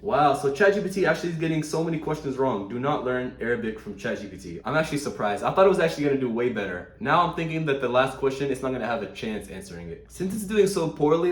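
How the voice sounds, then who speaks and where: Casually explaining Arabic grammar, a teacher speaks quickly, reading answers aloud, fixing mistakes, and using Arabic terms with ease. He has a mid-range voice that echoes around the room.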